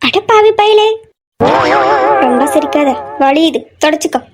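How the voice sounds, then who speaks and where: A woman's voice: high-pitched, expressive, unhurried, heavy background noise. A young woman voicing female college students in an amateur audio drama, with a scolding, reassuring manner. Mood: protective.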